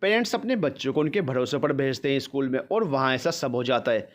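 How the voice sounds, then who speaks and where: A man's voice: mid-range voice, lively intonation, fast, natural voice. A man voicing a young wife who scolds and teases her husband. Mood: scolding. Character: young wife, sharp-tongued and teasing.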